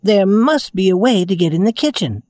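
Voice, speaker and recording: Cheerful rag doll leader, a man doing it, lilting and lively; storybook. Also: sits high, moderate pace, pitched above the performer's own voice. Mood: earnest.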